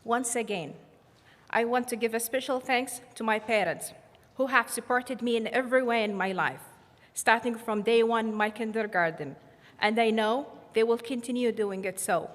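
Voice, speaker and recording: A woman from giving an earnest, measured graduation speech on behalf of her class. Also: a little high, a bit bright. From Saudi Arabia. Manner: earnest, measured, slightly halting delivery. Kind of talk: formal commencement speech. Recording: long hall reverb.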